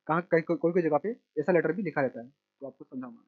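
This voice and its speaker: A man teaching children to read, sounding out each word slowly and repeating it, then adding quick explanations in between. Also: fairly high pitch. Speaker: language teacher. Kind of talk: slow word-by-word reading lesson. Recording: tinny phone-like audio.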